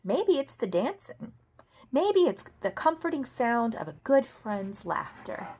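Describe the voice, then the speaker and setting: A woman in her thirties reads a picture book to children in a fairly high voice. Her pace is unhurried and her intonation swings widely, with theatrical emphasis on key words. It is an expressive home storytime delivery. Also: slight background noise. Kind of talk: animated read-aloud to children. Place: indoor room at home, seated at a table.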